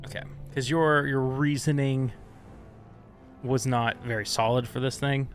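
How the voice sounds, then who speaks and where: A man narrating a tabletop game as game master in casual, halting, improvised phrases. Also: medium pitch, fairly even intonation, soft background music.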